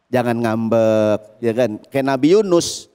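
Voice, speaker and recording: A male preacher giving a lively televised religious talk, telling stories and chanting verses slowly. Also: mid-range voice, clean tone, long reverb tail.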